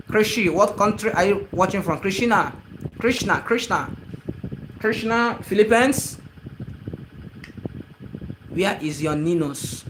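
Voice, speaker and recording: High-voiced Nigerian man hosting a live stream. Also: background noise. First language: Igbo. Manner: repetitive, reads out and answers viewer comments. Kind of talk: casual live-stream chat with viewers.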